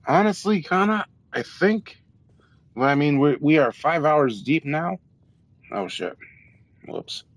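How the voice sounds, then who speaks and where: A man hosting a casual live game stream, talking in a loose, rambling, drunk manner with a gravelly voice. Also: a little high, animated, unhurried. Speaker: livestream gamer host.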